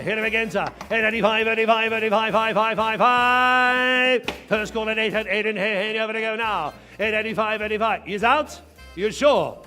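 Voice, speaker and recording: Guy auctioneer rattling off bids, high bright voice, repeats numbers over and over, music behind. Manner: auctioneer's chant, repeating numbers and filler phrases. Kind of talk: live auction calling, rapid repetitive bid chant.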